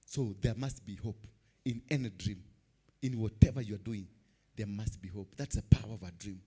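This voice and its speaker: A man's voice: lowish voice, steady tone, moderate pace, mellow, slightly rough. Kenyan man preaching in TV preacher style. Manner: emphatic, repeats key phrases, switches between languages. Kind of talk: church sermon in TV preacher manner.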